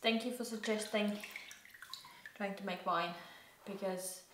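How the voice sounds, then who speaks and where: A woman's voice: medium pitch, steady tone, measured pace, background noise. A young woman vlogging casually from her home kitchen, chatting as she works and correcting herself along the way. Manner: chatty, self-correcting, talks while working. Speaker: homestead vlogger. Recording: echoey kitchen with dish clatter.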